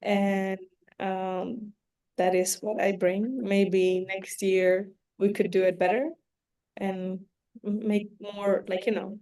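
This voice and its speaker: A woman's voice: medium pitch, flat delivery, takes it slowly, warm tone. A woman from Bangladesh, a council member giving a hesitant report at a meeting, with many fillers.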